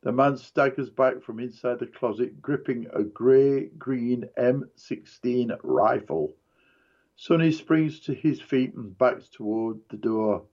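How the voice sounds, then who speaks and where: A man reading a dramatic book passage aloud in a measured, deliberate way. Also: mid-range voice, darkish tone, highs cut off. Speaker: narrator.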